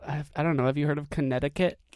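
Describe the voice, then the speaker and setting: A young man co-hosts a podcast with easy teasing and quick comebacks. His voice sits a little high for a man. The recording is close and dry. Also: steady tone, darkish tone, clean tone, no echo. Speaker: podcast co-host. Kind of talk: casual chat over a meal.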